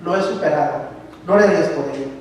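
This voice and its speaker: A man's voice: a little high, quick pace, slight background noise. Man preaching in an echoey church. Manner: asks the congregation direct rhetorical questions. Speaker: lay preacher. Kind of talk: conversational sermon with personal testimony. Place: church sanctuary. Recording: distant mic in a reverberant hall.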